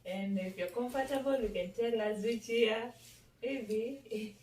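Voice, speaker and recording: A woman interviewing a friend with slow, encouraging questions in a casual way. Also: fairly high pitch, a little mellow. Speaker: guest interviewer. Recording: echoey room, mic at a distance, faint noise.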